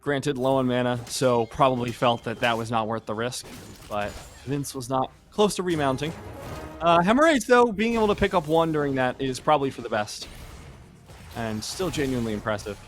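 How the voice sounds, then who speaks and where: A man giving chatty, joking color commentary on a high school esports match. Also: normal speed, soft background music. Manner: chatty, joking, laughs often.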